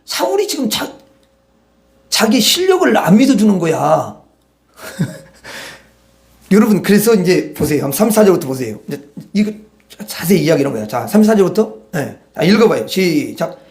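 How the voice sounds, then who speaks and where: A man's voice: sits high, big pitch swings, moderate pace, long pauses, darkish tone. A man preaching a Sunday sermon, retelling a Bible story with acted-out dialogue and leading the congregation in reading verses aloud. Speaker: pastor.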